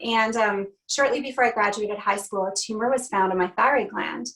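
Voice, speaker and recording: A woman's voice: mid-range voice, a little fast, a bit bright, low-quality recording. Upbeat chatty woman from Canada. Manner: chatty, upbeat, laughs often. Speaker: country singer, interview guest. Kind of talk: casual video-call interview.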